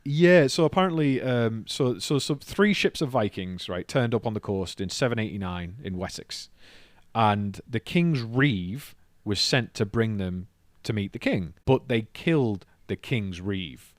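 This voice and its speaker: North east english bloke rambling through some history on a podcast, lowish voice, dead dry sound. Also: male voice, animated, unhurried, no echo. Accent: North East England. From North East England. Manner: rambling storyteller, swears casually, jokes in silly voices. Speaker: comedian podcast co-host. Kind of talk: casual podcast chat.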